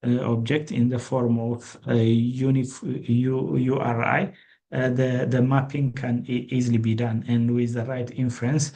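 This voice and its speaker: A man's voice: medium pitch, level tone, measured pace, mellow. A man from Ethiopia giving an online training lecture, hesitant, with many fillers and restarts.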